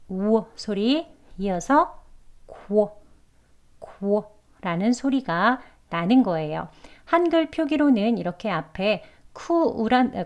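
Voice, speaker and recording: A woman teaching English pronunciation, sounding out each syllable slowly and carefully as she explains it. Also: medium pitch. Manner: slow, careful demonstration of sounds. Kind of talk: pronunciation lesson. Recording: dull lo-fi recording.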